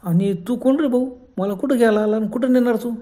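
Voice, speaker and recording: A man's voice: extremely high pitch, fairly quick, warm tone, voice pushed up. A storyteller voicing a frightened, out-of-breath man on his morning run, blurting panicky exclamations. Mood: puzzled.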